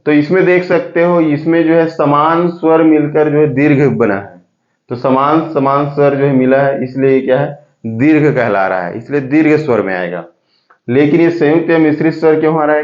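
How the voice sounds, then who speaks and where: A man teaching a grammar lesson. He repeats each point and keeps checking with the class whether it is clear. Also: medium pitch. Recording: echoey room, dull lo-fi sound.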